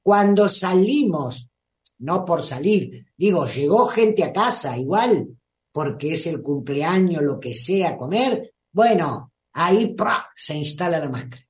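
Slow, musing Rioplatense woman. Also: fairly low pitch, animated. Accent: Rioplatense Spanish. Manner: musing, often asks the listener questions. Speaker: spiritual self-growth speaker. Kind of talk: casual talk to an audience. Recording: echoey room.

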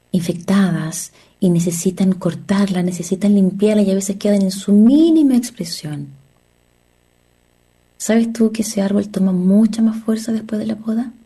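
A woman's voice: mid-range voice, mellow, slightly rough. A woman therapist giving an earnest motivational talk on relationships, asking her listeners rhetorical questions.

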